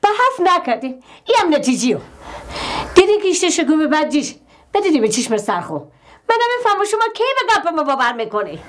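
A superstitious older woman who lectures and scolds the family. Her voice is high and swings widely up and down as she nags. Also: sing-song. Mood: scolding. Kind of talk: sitcom acting.

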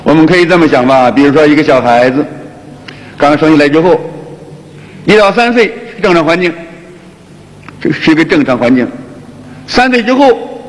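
Male qigong teacher, high-pitched and chatty, recorded in a lecture hall with long reverb. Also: a little fast, pauses often. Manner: colloquial and lively, often repeating phrases.

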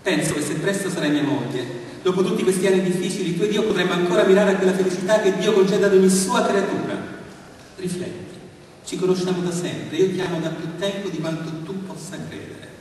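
A man reads as a gentle miller who pleads earnestly and tenderly, his voice a little high. The sound carries a long, roomy echo from a large hall, picked up from a distance. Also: a little fast, lightly acted. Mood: pleading. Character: gentle middle-aged miller, tender suitor. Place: large hall of a villa's lemon house. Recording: echoey hall, far from mic.

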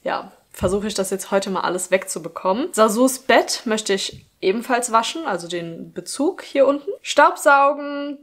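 A woman's voice: mid-range voice, a bit bright. A young woman in her twenties talks casually to the camera in a lifestyle vlog. She sounds chatty and upbeat as she lists her chores in a small apartment. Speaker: lifestyle vlogger. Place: small bright apartment room, indoors.

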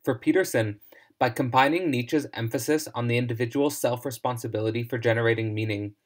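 A man narrating a scripted philosophy lecture in a measured, formal reading voice. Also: mid-range voice.

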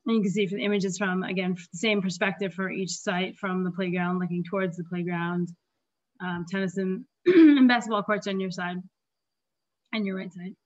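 Woman planner, strained voice going, halting delivery with throat clearing, lo-fi call audio. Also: medium pitch, fairly even intonation. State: losing her voice. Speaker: park planner presenting at a community meeting. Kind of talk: presentation over slides. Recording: dull lo-fi meeting audio.

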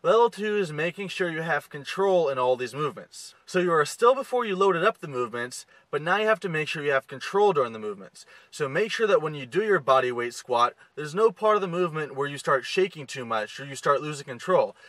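A young man in his twenties talks straight to the camera from the driver's seat of a car, laying out gym steps in a steady, instructive way. His voice is bright and forceful, a little higher than most men's, and sounds close and dry. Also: brisk, few pauses, no room sound, low-quality recording. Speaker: fitness coach. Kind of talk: direct-to-camera fitness tips. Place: inside a parked car. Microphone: camera close to the face.

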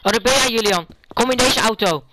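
A male vlogger giving live gaming commentary, making urgent, hurried calls to a teammate. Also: extremely high pitch, bright, forceful tone, a little hiss or hum, poor audio.

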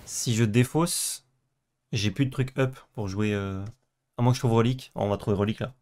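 A young man co-hosting a card game video, chatting casually and playfully with bursts of excited exclamations. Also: lowish voice, fairly quick. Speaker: co-host and card game player. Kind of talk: casual gameplay chat.

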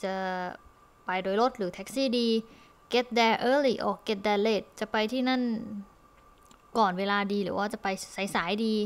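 A woman's voice: medium pitch, takes it slowly, clean tone. A young Thai woman teaching an English lesson online. She explains each word step by step and often repeats it.

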